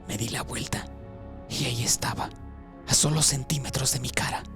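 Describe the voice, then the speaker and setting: A man's voice: medium pitch, moderate pace, music in the background, natural voice. A man voicing a haunted young man terrified by his nightmares, whispering and then crying out in panic, in a scripted horror story. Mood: anguished.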